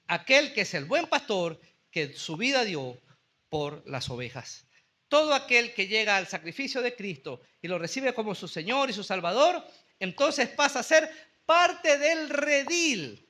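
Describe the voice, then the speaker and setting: A man pastor preaching a sermon in a church, earnestly slowing down on key phrases for emphasis. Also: high voice, bright, forceful tone. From Venezuela.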